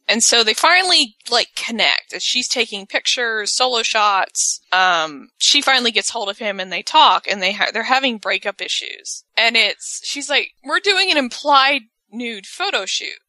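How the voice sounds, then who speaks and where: A woman on a casual chat show, retelling scenes in a lively way and acting out the quotes with big jumps in pitch. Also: moderate pace, hardly any pauses, dry recording, rough recording. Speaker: podcast co-host recapping a reality show.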